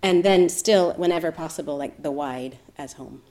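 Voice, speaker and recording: Woman meditation teacher, lowish voice, soft and reflective delivery. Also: moderate pace. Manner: soft-spoken, thoughtful, with gentle laughs. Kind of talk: reflective dharma talk.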